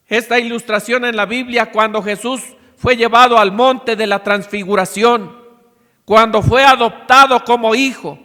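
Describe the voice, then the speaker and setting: A man's voice: extremely high pitch, sharp tone, in a large hall. A man from Mexico, a pastor preaching a sermon, punctuating his points with amens and acting out little dialogues. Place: church hall.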